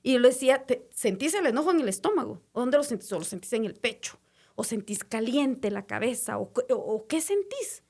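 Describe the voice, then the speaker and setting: A woman's voice: fairly high pitch, big pitch swings, a little fast, a little mellow. A woman, a mother and podcast co-host, explaining at length with tag questions and restarts. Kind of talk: casual podcast chat.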